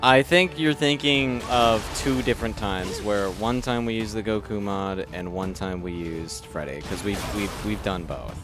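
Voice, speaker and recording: A man with a low voice chats easily with a friend over a game, laying out explanations calmly and laughing along. Music sounds clearly in the background. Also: measured pace, few pauses. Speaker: co-player friend. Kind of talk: casual gaming chat. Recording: music playing behind.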